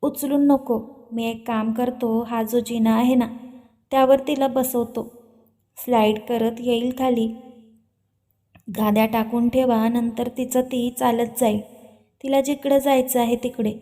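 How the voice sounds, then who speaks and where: A man's voice: very high voice, unhurried. A woman voicing a serious, dryly teasing young husband in a storybook reading. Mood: deadpan. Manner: dry, deadpan.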